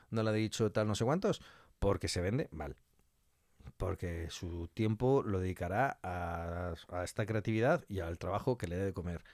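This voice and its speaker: This man, an audio fiction scriptwriter appearing as an interview guest on a podcast, speaks with a Spanish accent from Spain. His voice is fairly low and a little mellow, captured at studio quality with no room sound. He chats casually and colloquially, often repeating phrases for emphasis.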